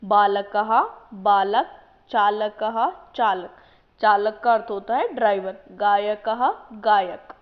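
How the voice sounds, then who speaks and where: A woman's voice: mid-range voice, steady tone, slow pace. A woman teaching a language lesson who reads each word out and then explains what it means. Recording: dull lo-fi voice-over.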